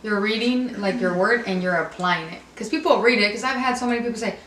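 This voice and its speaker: A woman's voice: medium pitch, fast, fairly bright tone. A woman chatting casually, candid and emphatic, acting out remarks as she quotes them. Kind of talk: casual conversation. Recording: echoey, distant mic, faint background noise.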